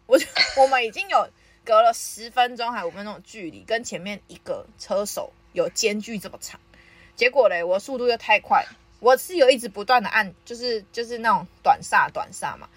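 Young woman, a bit high-pitched, a podcast host telling her own story in casual chat with frequent laughs. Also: a little fast, dry recording. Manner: lively, laughs often while telling the story.

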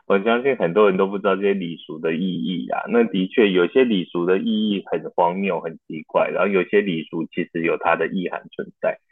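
A man hosting a casual interview, relaxed and laughing often, asking follow-up questions. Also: low voice, a little fast, slightly rough, no room sound. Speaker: host. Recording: dry phone-like line.

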